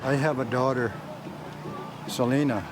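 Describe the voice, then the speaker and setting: A man's voice: mid-range voice, steady tone, unhurried, over loud music, a loud crowd. A man, a parent, speaking casually in a documentary interview. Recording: very loud outdoor background noise.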